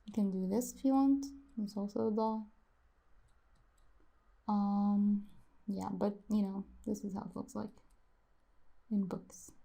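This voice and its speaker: Slow, gravelly-voiced woman teaching letters. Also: mid-range voice, fairly even intonation, dark tone. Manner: slow, repeats sounds many times, muses aloud. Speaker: language teacher. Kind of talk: casual handwriting lesson.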